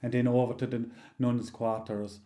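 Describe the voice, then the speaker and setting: Mellow older Irishman from rural Limerick, reminiscing. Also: mid-range voice, little pitch movement. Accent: rural County Limerick Irish. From County Limerick, Ireland. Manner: halting, rambling, anecdotal. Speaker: interview guest, local storyteller. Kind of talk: oral history reminiscence, casual storytelling.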